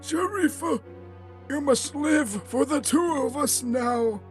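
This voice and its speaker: A man's voice: very high-pitched, takes it slowly, soft background music. A man fan-dubbing a dying, loving old father in a game, speaking tenderly. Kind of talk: fan dubbing a game's dialogue.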